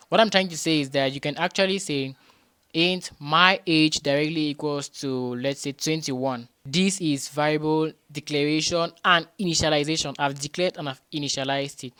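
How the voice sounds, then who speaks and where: A man tutoring beginners in programming, patiently repeating each point and often pausing with hesitations and restarts. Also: on the high side, a bit bright, clean tone, dry recording. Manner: patient and repetitive, restates points with rhetorical questions.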